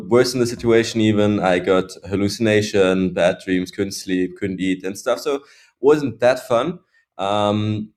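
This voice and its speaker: A man from Switzerland, a guest on a podcast, telling his story in a somewhat low voice. He speaks in a reflective, halting way and often goes back to restart a phrase. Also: a little mellow. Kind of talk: casual personal story in interview.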